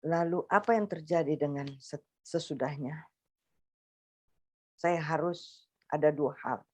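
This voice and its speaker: A woman with a Makassar Indonesian accent giving a personal testimony to a congregation, acting out the dialogue with sudden jumps in pitch. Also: unhurried, darkish tone, no room sound.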